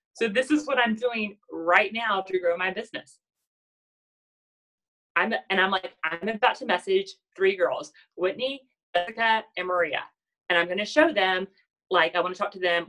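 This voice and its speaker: This network marketing team leader, a woman in her thirties, speaks in a nasal, mid-range voice with a slightly bright edge. Her motivational talk to the sales team is casual and sprinkled with "does that make sense?" The recording is poor.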